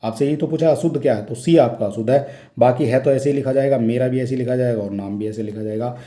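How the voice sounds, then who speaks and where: Dark-voiced Hindi tutor in echoey room. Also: male voice, medium pitch, fast talker. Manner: explains step by step, repeats each question aloud. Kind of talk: exam question walkthrough lesson.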